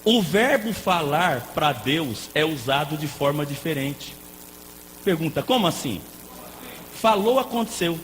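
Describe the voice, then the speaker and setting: A man preaching a lively sermon as a pastor, playful and joking with the congregation. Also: on the high side, a little slow. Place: church hall. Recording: echoey hall with faint noise.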